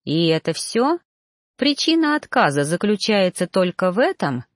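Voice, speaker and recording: Calm older father, a high official, unhurried , a woman narrator reading him. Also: dry recording, studio quality.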